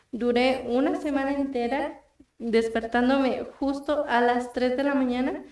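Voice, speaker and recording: A woman, co-hosting in casual chat, relaxed and hesitant. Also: a little high, reverberant. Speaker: co-host.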